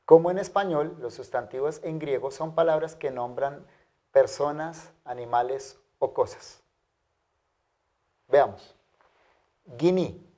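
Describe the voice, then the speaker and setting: A man teaching a language lesson, modeling pronunciation carefully and repeating words slowly for his students. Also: a little high, mellow. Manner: careful, drawn-out pronunciation drills. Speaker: Greek teacher. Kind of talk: slow, deliberate language lesson.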